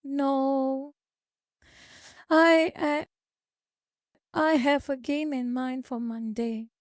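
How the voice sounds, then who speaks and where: This woman is a VTuber chatting live with her audience, reading chat aloud and lecturing in between. Her voice is high and steady, and she speaks extremely slowly. The studio-quality audio has no room sound.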